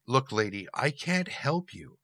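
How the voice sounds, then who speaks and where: A man's voice: medium pitch, very animated, unhurried, fairly bright tone, no room sound, voice pushed up. A man doing a pompous, flustered demon. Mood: sheepish. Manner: grandiose, then awkward and sheepish.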